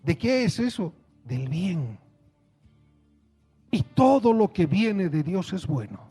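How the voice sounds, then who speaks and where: A male pastor preaching a sermon in a slow, deliberate way, asking his congregation rhetorical questions. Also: sits high, sing-song, dark tone, slightly rough, faint music behind.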